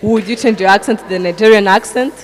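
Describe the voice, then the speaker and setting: A woman interviewing a guest, asking friendly, halting questions. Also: mid-range voice. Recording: long hall reverb.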